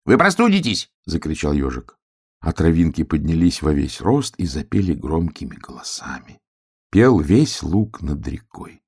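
A man narrating a children's story in a slow, gentle storytelling manner. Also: rumbling low, creaky, breathy edge.

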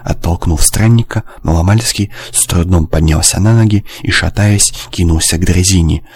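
A male audiobook narrator reading with a very deep, husky voice. His delivery is steady and measured, scripted narration throughout.

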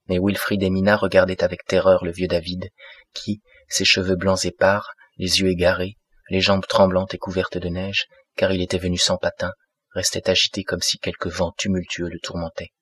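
A man narrating a classic novel as an audiobook in a measured, steady way, close to the mic. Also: low voice, breathy edge, no echo.

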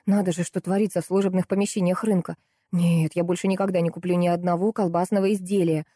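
A woman reading a first-person story aloud as an audiobook, in a lively, ironic storytelling manner. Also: lowish voice, fast, no room sound, studio quality. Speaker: audiobook narrator.

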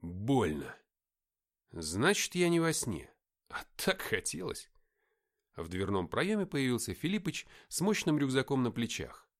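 Lively male audiobook narrator. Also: mid-range voice, a little slow. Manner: lively, expressive reading with loud acted dialogue. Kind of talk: first-person audiobook reading.

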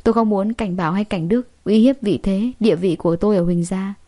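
A woman's voice: medium pitch, fairly quick, lightly acted. A woman reading the lines of a stern, determined young husband from a wealthy family in an audiobook. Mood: firm. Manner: firm, quietly determined.

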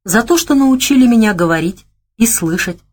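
Lady reading as a quiet earnest young guy, lost his memory, plain and hesitant, lowish voice. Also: expressive, unhurried.

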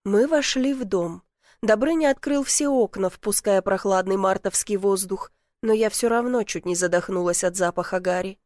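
A woman narrating a first-person audiobook in an emotional, expressive way. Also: mid-range voice, normal speed, no echo, studio quality.

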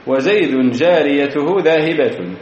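In an echoey lecture hall, a grammar teacher delivers a methodical classroom lecture, repeating key phrases and quizzing his students. His voice is a little high with lively intonation and a measured pace. The recording sounds dull and lo-fi.

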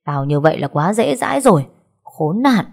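A woman voicing a harsh, threatening young man who shouts at his ex-wife in a story. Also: fairly low pitch, big pitch swings, moderate pace, creaky, husky, heavily acted. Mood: angry. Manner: harsh and bullying. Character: angry, threatening young ex-husband.

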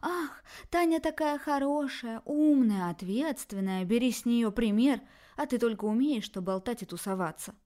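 A woman's voice: high-pitched, lively intonation, moderate pace, a little mellow, voice pushed up. A woman voicing a shrieking spoiled young woman. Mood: shrill, furious. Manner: shrieking, accusing. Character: shrill spoiled pregnant young woman, furious.

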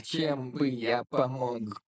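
A man voicing a grumpy, sarcastic male robot with a creaky, grating, squeaky voice, drawing out his mocking lines. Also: steady tone. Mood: sneering. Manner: mocking, drawn-out, condescending. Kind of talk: audiobook narration with character voices.

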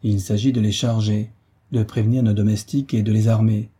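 A bold young hero who gives orders, read by a man. He sounds commanding on a dark, husky voice, pitched low. It is an audiobook reading. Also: little pitch movement, fairly quick. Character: bold young male hero, quick-tempered leader.

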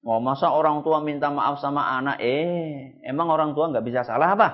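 A man's voice: a little high, brisk. A man, an Islamic preacher, giving earnest advice in a religious question-and-answer lecture and repeating his key points. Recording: dull lo-fi broadcast sound.

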